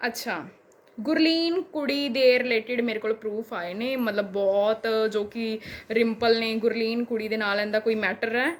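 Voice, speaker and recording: A woman's voice: on the high side, fairly even intonation, normal speed. A young woman with a Punjabi accent, a vlogger firing back at a critic with repeated rhetorical questions. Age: young adult. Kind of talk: reply video rant.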